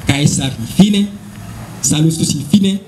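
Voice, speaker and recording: A man with a Congolese French accent answers questions live, explaining patiently and pausing often to search for words. His voice sits a little high, with a mellow tone. Faint noise hums behind him. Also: poor audio. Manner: explanatory, switching between Latin and French, with frequent hesitations. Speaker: student answering questions at a school event.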